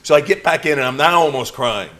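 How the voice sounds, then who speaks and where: A man's voice: fairly high pitch, fast talker. Teasing, crude male podcast co-host. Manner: crude, teasing, animated storyteller. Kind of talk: candid casual podcast chat.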